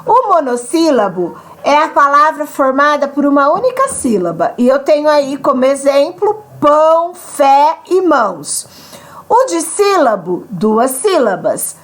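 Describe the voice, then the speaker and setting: A woman's voice: high voice, big pitch swings, unhurried, few pauses. A woman teaching an online grammar lesson, patient and explanatory, often checking in with her listeners.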